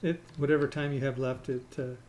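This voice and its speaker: A man in casual voice chat with friends while playing a game, explaining things haltingly with fillers. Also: medium pitch, little pitch movement, darkish tone, a little hiss or hum. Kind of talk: casual voice-chat gameplay talk.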